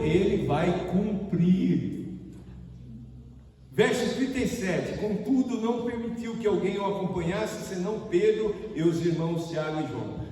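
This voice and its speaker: A Brazilian pastor with a high voice preaches a lively sermon, acting out the people he describes. He is heard from a distance in a church hall, with a long, ringing echo around him. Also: slight background noise. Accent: Brazilian Portuguese. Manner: animated, acts out voices and exclamations. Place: church hall during a service. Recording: echoey hall, mic far off.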